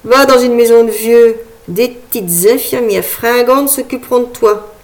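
A woman voicing a loyal, worried old man in a read-aloud story, talking bluntly and slowly. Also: a little high, voice pushed up, natural voice, rough recording. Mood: scolding.

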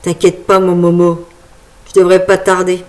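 A woman's voice: fairly low pitch, monotone, moderate pace, darkish tone, close to an everyday voice, low-quality recording. Woman voicing blunt old friend Joseph. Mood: tender. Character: old man Joseph, loyal, worried friend.

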